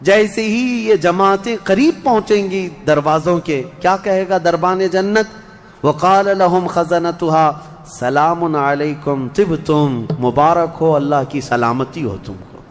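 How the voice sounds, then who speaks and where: A fairly high-voiced man delivers a fervent religious sermon, his voice swinging between loud cries and hushed, low lines. He chants scripture verses slowly and at length. A long reverb trails his words around a large hall. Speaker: preacher.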